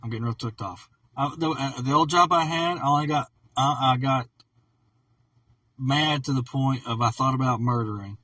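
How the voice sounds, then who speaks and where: Rambling husky man, a bit off-mic. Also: mid-range voice, normal speed, dry recording, distant mic, low-quality recording. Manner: rambling, repeats himself, swings from mumbling to loud outbursts. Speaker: vlogger. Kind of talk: casual monologue to camera.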